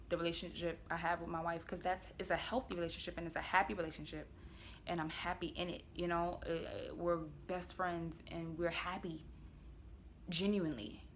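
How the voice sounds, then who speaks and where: A woman vlogger telling a personal story to the camera in an earnest, confessional way, often going quiet, with blunt words now and then. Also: fairly low pitch, a little hiss or hum. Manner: blunt, with occasional swearing.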